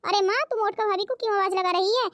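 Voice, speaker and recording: A woman's voice: extremely high pitch, fairly even intonation, racing, a bit bright, no echo. A woman voicing a sulky, demanding young college girl in a cartoon. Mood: pleading. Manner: whiny, sulky. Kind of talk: cartoon voice acting.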